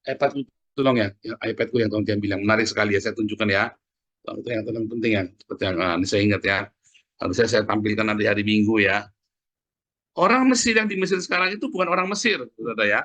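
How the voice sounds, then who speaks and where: A middle-aged man preaching a sermon, often adding "Saudara ya" and dropping from loud peaks to quiet asides. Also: quick pace. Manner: conversational preaching, often tagging phrases with "Saudara ya"; swings from loud emphatic peaks to low asides.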